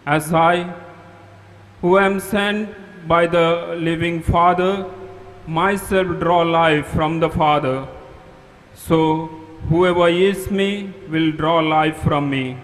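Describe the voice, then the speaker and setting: A man reading the gospel aloud as a priest at a service, in a slow, measured proclamation, with a cathedral echo. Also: on the high side, steady tone. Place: large church. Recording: long reverb of a large church.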